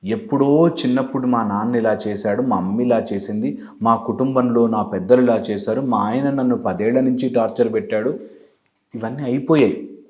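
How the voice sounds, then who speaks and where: A man's voice: mid-range voice, normal speed, darkish tone, lo-fi sound. A man with a Telugu accent giving an emphatic motivational talk as a life coach, slipping English phrases into his speech.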